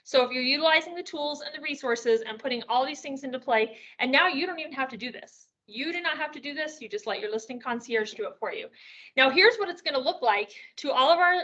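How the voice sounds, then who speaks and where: A woman with a high, sharp voice and lively intonation talks fast while presenting at a real estate sales meeting. Upbeat and chatty but slightly out of breath, she asks rhetorical questions as she goes through various tools.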